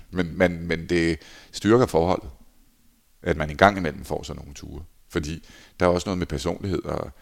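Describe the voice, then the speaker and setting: A man in his forties, a former handball goalkeeper, telling lively anecdotes in a casual interview and acting out quoted lines. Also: low voice, gravelly. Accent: Danish. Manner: animated anecdotes, acts out shouted quotes.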